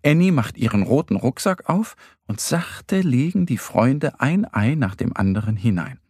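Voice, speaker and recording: A man narrating a children's story in a gentle, expressive storytelling manner. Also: medium pitch, normal speed, breathy edge, no echo, studio quality.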